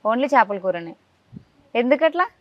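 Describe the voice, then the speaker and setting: A woman interviewing a child in a casual chat, coaxing answers out of them with quick questions. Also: a little high, sing-song. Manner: coaxing, rapid-fire questions. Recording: dull lo-fi dry sound.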